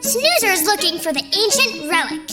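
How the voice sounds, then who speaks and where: A woman voicing a small, childlike, imaginative cartoon creature who talks in an animated, playful, dramatic way. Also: very high voice, moderate pace, music in the background. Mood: eager storytelling. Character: small limbless excitable imaginative kid creature, storyteller.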